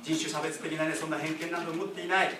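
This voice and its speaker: Here the pastor, a man with a high voice, talks quickly through his sermon in an easygoing, explaining manner, asking questions and adding asides. Far from the microphone in an echoing church hall, he's surrounded by faint room sound and background noise.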